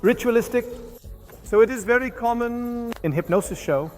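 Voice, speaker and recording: A man giving an instructional hypnosis demonstration as a teacher, speaking in short, halting phrases with commands and repetitions. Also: very high voice, a little mellow, soft background music.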